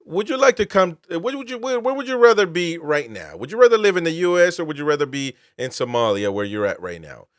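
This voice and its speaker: A man's voice: on the high side, very animated, quick pace, hardly any pauses, dry recording, studio quality. A man from Peru, host and military veteran, giving political commentary with emphatic, incredulous rhetorical questions.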